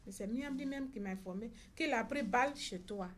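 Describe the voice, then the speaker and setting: Middle-aged woman, slightly high voice, halting testimony full of reported speech. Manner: halting retelling with reported dialogue. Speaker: victim's mother. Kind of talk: personal testimony.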